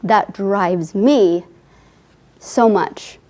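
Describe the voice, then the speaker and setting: Very slowly and with a slightly mellow tone, a woman in her forties tells her life story as an interviewed author. Born in Afghanistan with Farsi as her first language, she speaks at medium pitch, earnestly and heartfelt, often saying "I mean".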